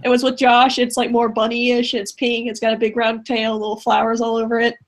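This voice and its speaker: A woman's voice: on the high side, brisk. A woman acting as game master, chatting casually while planning a tabletop game. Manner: relaxed, chatty, gives instructions.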